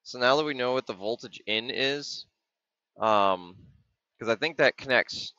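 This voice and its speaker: A middle-aged man with a mid-range, sharp voice gives an unhurried, casual screen-share walkthrough of a chip datasheet and circuit board for his maker project. He thinks aloud, often saying um and restarting. The dull, dry webcam audio is lo-fi.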